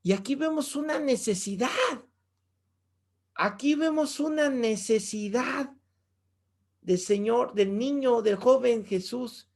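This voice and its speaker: A man with a Mexican accent, a pastor teaching a Bible lesson with lively stories and rhetorical questions to the audience. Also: extremely high pitch, takes it slowly. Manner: jokes and chuckles while telling stories.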